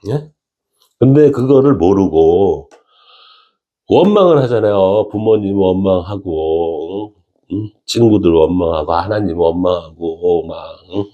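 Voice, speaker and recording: A man's voice: low voice, a little slow, lo-fi sound. A middle-aged man giving a casual spiritual lecture, often checking in with listeners and chuckling.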